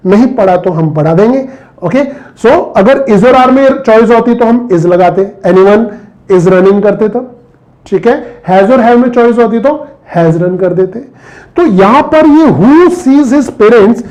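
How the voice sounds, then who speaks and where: A man's voice: high voice, a little mellow, poor audio. A man teaching a grammar lesson and quizzing his viewers with questions as he goes. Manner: talks to viewers, quizzing them with rhetorical questions. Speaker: English teacher.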